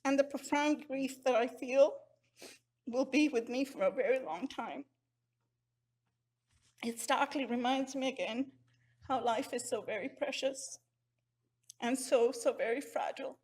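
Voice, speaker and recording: A middle-aged woman from Sri Lanka, giving an earnest, heartfelt memorial eulogy at a measured pace. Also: high-pitched, a little mellow.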